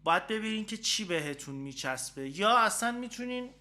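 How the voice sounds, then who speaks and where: A man from Iran hosts a relaxed, spoken guitar lesson. His voice sits high and sounds bright and forward. He rambles chattily, with plenty of filler sounds, and pauses to play short examples on the guitar. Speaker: guitar teacher and show host.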